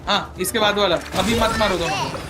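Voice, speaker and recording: A man's voice: high voice, brisk. A man streaming a game live, talking a friend through a fight and repeating his instructions. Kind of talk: live gameplay commentary. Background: game music.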